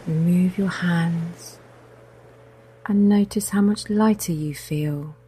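Slow, whispery low-voiced woman guide. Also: a little hiss or hum. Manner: soft, slow, often whispered. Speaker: meditation guide. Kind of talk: guided meditation.

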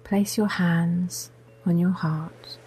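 Slow, whispery low-voiced woman guide. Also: fairly even intonation, slight background noise, poor audio. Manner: soft, slow, often whispered. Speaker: meditation guide. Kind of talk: guided meditation.

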